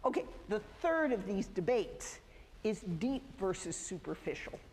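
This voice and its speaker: A woman's voice: medium pitch, sing-song, unhurried, a little mellow, a little hiss or hum. A woman sociology professor giving a university lecture in a conversational way, often correcting herself and restarting. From United States. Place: lecture hall. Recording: echoey lecture hall with faint ambience.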